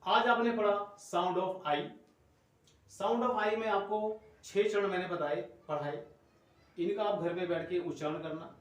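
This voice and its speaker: A man teaching a phonics lesson to children, spelling words out letter by letter and then sounding them, in a slow, repetitive drilling manner. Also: high-pitched, a bit bright, very echoey, far from the mic.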